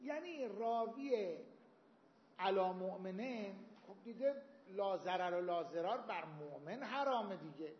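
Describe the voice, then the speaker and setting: Male seminary teacher, high voice, explanatory lecture style, roomy hall recording. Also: expressive, slight background noise. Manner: explains with everyday examples, quotes Arabic texts. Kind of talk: Islamic jurisprudence lecture. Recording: echoey hall, dull lo-fi sound.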